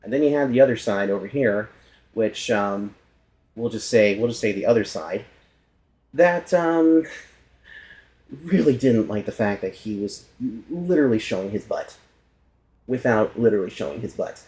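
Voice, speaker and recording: A man hosting and narrating a casual documentary about a musician, chatty and quick to correct himself aloud. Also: lowish voice, expressive, a little mellow. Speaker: host.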